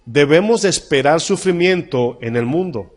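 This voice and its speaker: A male pastor preaching a sermon, reading Bible verses slowly and emphatically, asking the congregation questions and acting out short dialogues. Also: on the high side, lively intonation. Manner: acts out little dialogues in changed voices.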